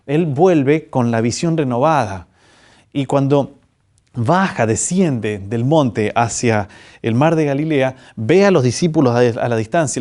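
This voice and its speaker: A male pastor delivers an animated sermon. His voice is warm and mellow, sitting at a middle pitch. He throws rhetorical questions at the congregation and teases them as he goes.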